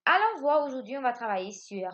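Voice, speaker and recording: A woman's voice: high voice, fairly quick, highs cut off. A woman teaching French grammar to young children in a recorded lesson, asking questions and answering them herself. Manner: lively, repeats points, asks questions and answers them herself. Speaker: primary school French teacher.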